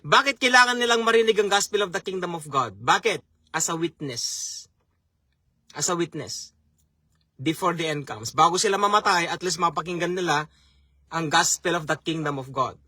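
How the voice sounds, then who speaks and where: A man delivers a sermon as a chaplain in a high, bright voice. He preaches earnestly and repeats key phrases for emphasis, often calling his listeners brothers and sisters. The sound is close and dry, with no room echo. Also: a little fast.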